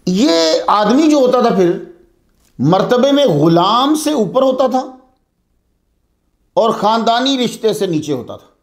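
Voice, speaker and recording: A man's voice: very high-pitched, very animated, a little slow, long pauses, reverberant. A man giving a religious lecture to students, asking rhetorical questions and then answering them, and repeating key terms to explain them. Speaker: religious teacher.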